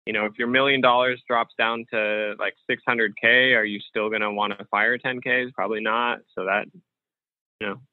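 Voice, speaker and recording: A man's voice: lowish voice, level tone, normal speed, dry recording. Man on a tinny phone-like line. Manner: thinks aloud with frequent fillers and restarts. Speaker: guest, professional poker player. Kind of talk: casual interview conversation. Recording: dry, phone-like remote call audio.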